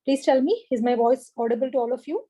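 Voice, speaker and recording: Husky and dark in tone yet high, her voice moves at a quick pace. The speaker, an online exam coach with an Indian English accent, teaches a live video-call class where she greets students by name, encourages them, and repeats key points, using a laptop or headset mic.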